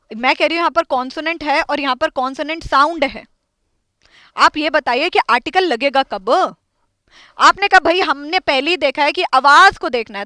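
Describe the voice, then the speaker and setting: A woman's voice: high-pitched, sharp tone, clear, resonant tone, no echo. A woman teaching an English grammar lesson, quizzing her students and repeating each point. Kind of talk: classroom lesson.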